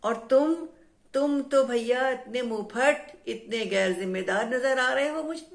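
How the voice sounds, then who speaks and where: A patient, gently teasing shadow, as a woman storyteller puts her on, speaking softly and evenly in rhyme. Her pace is slow and unhurried. It is a children's storybook telling. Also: high-pitched, creaky. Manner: soft, even, rhyming speech.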